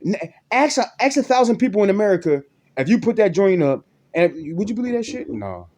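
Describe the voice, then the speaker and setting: Fast-talking man in a rambling monologue. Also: high voice, very animated, darkish tone. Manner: repetitive, profane, restarts constantly, frequent "you know what I'm saying". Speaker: vlogger.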